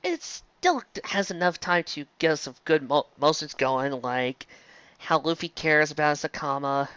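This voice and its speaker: A fan fiction reviewer meanders through a casual talk, often wandering off topic and stumbling into restarts mid-phrase. The mid-range voice is animated yet unhurried, a bit bright and smooth, with no room sound. It's recorded close, dry, dull and lo-fi.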